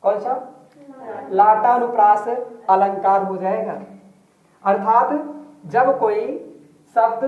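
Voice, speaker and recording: A woman teacher giving a grammar lesson, repeating examples slowly and asking the class questions. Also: mid-range voice, a little hiss or hum. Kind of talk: online Hindi grammar lesson. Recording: tinny phone-like audio in an echoey room.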